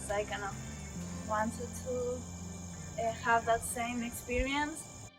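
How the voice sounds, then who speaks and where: A woman's voice: on the high side, fairly even intonation, slow, music in the background, rough recording. A young woman from Chile, speaking hesitantly in a documentary interview.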